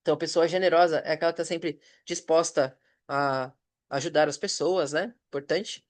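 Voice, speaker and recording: A Brazilian man who teaches English, giving a patient recorded review lesson. He reads example sentences slowly and checks in with short questions. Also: a little high, steady tone. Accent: Brazilian Portuguese.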